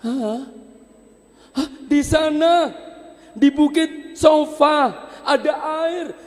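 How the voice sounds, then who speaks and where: A male preacher voicing Siti Hajar, a distressed young mother, in a high, pleading falsetto with anxious outcries. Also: expressive, takes it slowly, warm tone, full character voice. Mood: frantic. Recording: long hall reverb.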